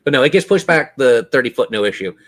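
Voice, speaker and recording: A game master with a medium-pitched, fairly bright voice narrates a tabletop game fast and animatedly. He describes monsters vividly and makes his rulings in a casual way.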